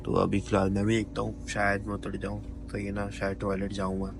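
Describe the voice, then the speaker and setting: Lowish, monotone, and fast with vocal fry, a young Pakistani man's voice competes with a noisy background. Speaking with a Pakistani Urdu accent, he casually chats into a handheld phone for his travel vlog, often asking viewers if he's right.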